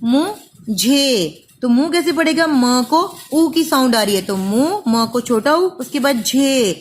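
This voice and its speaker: A woman with a high, bright voice takes young pupils through a lesson, drawing each word out syllable by syllable. She speaks patiently and keeps calling the child "beta". Faint hiss sits under the recording. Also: expressive, measured pace. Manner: patient, stretches out sounds syllable by syllable, calls listener "beta". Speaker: primary school teacher.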